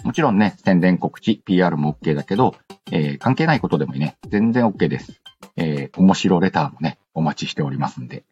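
A fast-talking man with a low, husky, slightly mellow voice and lively intonation hosts a casual radio-style show. He reads listener letters playfully in slang, often interrupting himself with asides. The recording is dull and lo-fi, backed by music.

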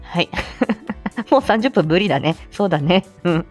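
This chatty woman speaks at a normal speed in a husky voice whose pitch swoops lively up and down. A speech-language therapist hosting a casual morning live audio chat, she answers listener comments, blending polite announcements with offhand asides. Soft music plays faintly in the background.

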